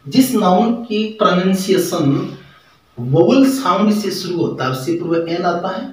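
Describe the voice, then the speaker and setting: A man's voice: sits high, animated, a little slow, recorded from a distance, slight background noise. Echoey man teaching grammar from afar. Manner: explains step by step with examples, repeats key words. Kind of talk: classroom lecture. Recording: echoey room, voice from off the mic.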